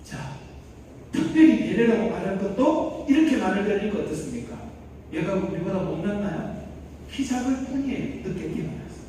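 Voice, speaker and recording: A man giving a lively lecture to trainee instructors, questioning the audience and shifting his loudness for emphasis. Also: high-pitched, a little hiss or hum. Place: large lecture hall. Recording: echoey lecture hall, mic at a distance.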